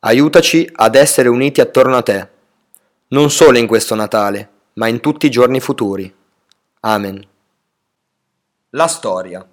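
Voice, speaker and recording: A man leading a prayer and reading scripture in a solemn, measured way. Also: mid-range voice. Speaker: prayer leader and reader.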